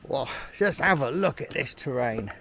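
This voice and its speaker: A man's voice: medium pitch, expressive, moderate pace, bright, forceful tone, slight background noise. A man vlogging on a mountain trail, chatting to a handheld camera as he walks and a little out of breath. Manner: chatty, talks to the camera while hiking. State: a bit out of breath. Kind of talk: casual walking commentary.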